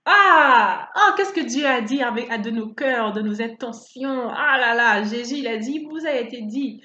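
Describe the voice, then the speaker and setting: A woman preaching a sermon in an animated way, asking rhetorical questions and acting out people's attitudes. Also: fairly high pitch, normal speed. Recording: roomy, slightly dull recording.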